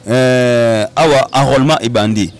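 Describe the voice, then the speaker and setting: A young man hosting a casual interview outdoors on a handheld mic, animated and quick to interject. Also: medium pitch. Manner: animated, interjecting, laughs often. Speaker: host. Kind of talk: casual interview in French and Lingala. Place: outdoor courtyard set.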